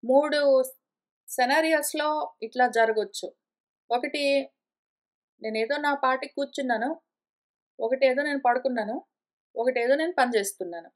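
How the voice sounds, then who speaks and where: A woman with a high, light voice teaches a scripture class. She explains each point patiently, step by step, building on everyday examples. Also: moderate pace, long pauses. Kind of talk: explanatory lecture. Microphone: conference call line.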